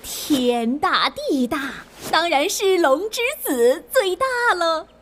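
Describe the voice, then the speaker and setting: A woman's voice: high-pitched, expressive, slow, fairly bright tone, slight background noise, exaggerated voice. A woman playing a servile, fearful innkeeper in a period comedy drama. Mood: fawning. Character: fawning, timid inn keeper woman.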